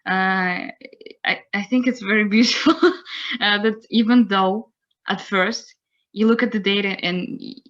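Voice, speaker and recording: A young woman giving an online lecture, unhurried and pausing to search for words. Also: medium pitch, fairly even intonation, a bit bright. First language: Russian. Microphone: computer mic on a video call. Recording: slightly dull video-call audio.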